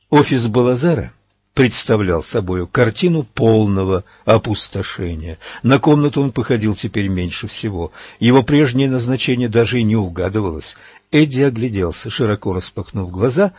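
A man narrating an audiobook in a steady, dramatic reading. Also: lowish voice, husky, no echo.

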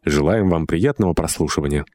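A man reading a short formal announcement before an audiobook, in a steady manner. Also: a bass voice, a little fast, no echo, clean studio sound.

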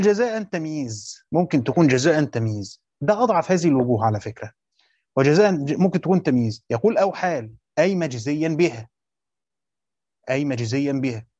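Fast-talking Egyptian teacher, muffled recording. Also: male voice, a little high, warm tone, no echo. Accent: Egyptian Arabic. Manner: explains step by step, quizzes students and repeats phrases. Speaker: teacher of Quranic commentary. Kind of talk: classroom lesson commentary.

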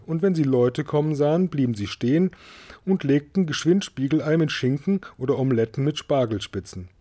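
A man reads a storybook aloud with a steady, even-toned delivery. His voice sits in a middle pitch and is mellow and soft rather than bright. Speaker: audiobook reader. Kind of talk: storybook reading.

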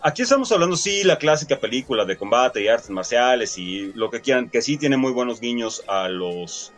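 Slangy Mexican man, medium-pitched voice. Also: very animated, normal speed, fairly bright tone. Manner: slangy, mock-dramatic when ranting. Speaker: podcast host. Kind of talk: casual film discussion.

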